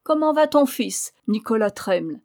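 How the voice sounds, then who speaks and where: A woman reading as a soft, sad young albino. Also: fairly high pitch, sing-song, normal speed. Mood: soft warning. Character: young albino man, strange, gentle and sad.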